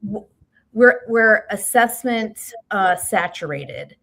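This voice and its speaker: A woman with a New York accent, a guest expert in an interview, talking in halting starts and restarts with frequent tag questions. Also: mid-range voice, animated, vocal fry, a bit bright. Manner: halting, many fillers and restarts, "right?" tags. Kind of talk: interview conversation.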